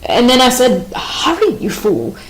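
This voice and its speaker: A woman reading the part of a nervous, rambling male soldier in an audiobook play, anxious and excitable in manner. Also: on the high side, measured pace, noisy background, voice pushed up.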